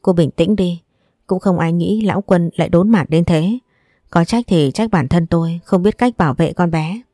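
A woman reading as a tearful, hoarse mother. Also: on the low side, normal speed, dark tone, no echo, clean studio sound, close to an everyday voice. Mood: worried. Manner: pleading, anguished. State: hoarse from crying. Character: distraught mother, tearful and frantic.

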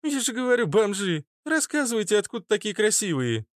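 A man plays a brash young woman with a sharp tongue, pitched well above his own voice and full of teasing swoops. The audiobook sound is dry and close. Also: big pitch swings, fairly quick, dry recording. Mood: mocking. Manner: mocking, teasing.

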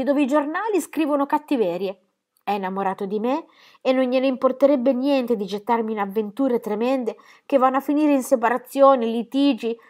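A woman voicing a distraught teenage girl who cries out in high, loud, sobbing bursts. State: crying.

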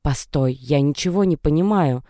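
Brief: narrator playing a level-headed young woman, earnest and reproachful, warm and smooth, dry studio read. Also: mid-range voice, moderate pace, no echo, lightly acted. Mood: bewildered. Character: young sensible woman friend. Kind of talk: audiobook character reading.

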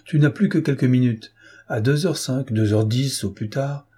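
A man voicing a curt, contemptuous gentleman thief who threatens his rival, in an audiobook reading. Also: mid-range voice, normal speed, slightly rough, natural voice. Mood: menacing. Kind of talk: audiobook character voice.

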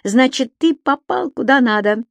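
A woman's voice: high voice, animated, moderate pace, gravelly, dry recording, pitched above the performer's own voice. A scheming, pompous middle-aged official, played by a woman reader, curt and commanding, sliding into false politeness. Read close and dry, as in a storybook.

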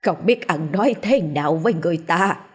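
A woman's voice: on the low side, lively intonation, brisk, husky. A woman voicing a miserly, fretful old grandmother in a storybook tale who scolds and laments in a rustic way. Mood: scolding.

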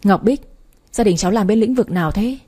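A woman reading the part of a proud, wealthy older mother in a storybook, speaking in a measured, judging way. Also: mid-range voice, dark tone, slightly rough, lightly acted. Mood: cool.

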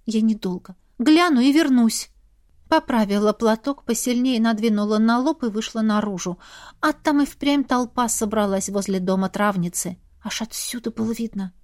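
Woman narrating an audiobook, slightly high voice. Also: normal speed, no echo, clean studio sound. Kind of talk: first-person audiobook narration.

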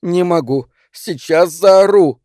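A man putting on a shrill anxious wife. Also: normal speed, darkish tone, no room sound, studio quality, natural voice. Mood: horrified. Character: anxious greedy middle-aged wife, shrill.

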